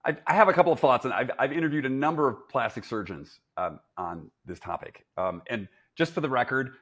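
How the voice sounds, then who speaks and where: A man's voice: medium pitch, expressive, fairly quick, a bit bright. A man in his sixties hosting a casual panel chat, asking questions to move the talk along. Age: 60s. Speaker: host.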